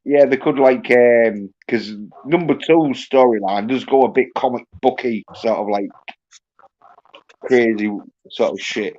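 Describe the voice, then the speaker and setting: Male stream host, mid-pitched, rambling and hesitant, muffled lo-fi mic. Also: darkish tone. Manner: halting, heavy on fillers and restarts. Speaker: livestream host. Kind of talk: casual chat. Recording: muffled lo-fi audio.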